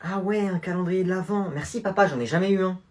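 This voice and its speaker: A man's voice: high-pitched, fast. A young man acting in a casual comedy sketch, with playful, slangy delivery.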